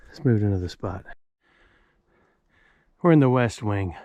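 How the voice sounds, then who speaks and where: A man's voice: fairly low pitch, lively intonation, moderate pace, mellow, no echo, muffled recording. A man giving casual, wryly joking commentary outdoors as he vlogs about metal detecting. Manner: folksy, wry joking. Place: outdoors in a rural yard.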